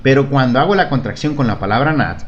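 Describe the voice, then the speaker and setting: A man's voice: medium pitch, expressive, fast talker, muffled recording, a little hiss or hum. A man teaching a beginner English lesson in Spanish, patiently modelling phrases for repetition and checking understanding. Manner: patient, repeats and checks with "¿De acuerdo?". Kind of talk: online language lesson.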